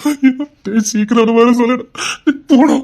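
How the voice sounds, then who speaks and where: A woman's voice: a little high, normal speed, a little mellow, lightly acted. A woman voicing an anxious older man of the family in an audio drama, urgent and flustered as he barks orders. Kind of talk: Tamil serial-style audio drama.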